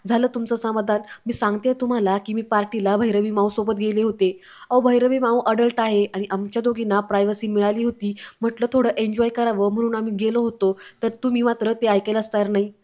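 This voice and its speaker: A woman's voice: on the high side, level tone, fairly quick, darkish tone, natural voice. A woman voicing a young woman who answers defensively and indignantly.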